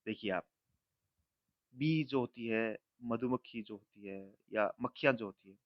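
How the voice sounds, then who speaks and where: A male college lecturer with an Indian accent explains literature in Hindi, drawing out example sentences slowly and voicing the sounds himself. His voice sits at an ordinary pitch. The recording is dry and somewhat dull. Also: no room sound. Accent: Indian English. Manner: slow, emphatic reading of example lines, imitating sounds aloud. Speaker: assistant professor of English.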